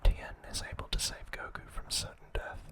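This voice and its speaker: An ASMR channel host, a man, whispers softly and haltingly at an unhurried pace, close to the microphone. He reads episode summaries and chats with his viewers.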